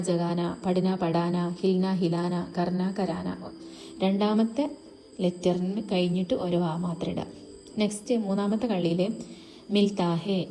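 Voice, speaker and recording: A woman's voice: fairly low pitch, mellow. A woman with a Kerala accent, teaching a textbook lesson, reading out Hindi words and explaining each in Malayalam.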